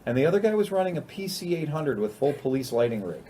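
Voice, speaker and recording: A man's voice: fairly high pitch, fast talker, slight background noise. A man hosting a casual group chat, telling stories with crude humor and frequent laughter. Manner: animated storyteller, laughs often, crude humor. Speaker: podcast host.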